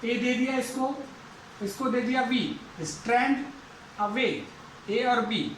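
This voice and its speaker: A man's voice: very high voice, fairly even intonation, slow, fairly bright tone, roomy sound, slight background noise, low-quality recording. A man teaching an English lesson, going through it methodically and repeating each step aloud. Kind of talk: explaining a lesson.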